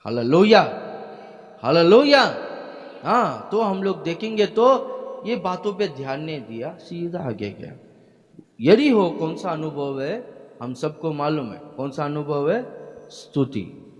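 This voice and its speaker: A man's voice: a little high, lively intonation, a little slow. Emphatic preaching man in a reverberant hall. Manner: emphatic preaching with frequent hallelujahs and questions to the congregation. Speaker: pastor. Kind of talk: sermon. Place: church hall.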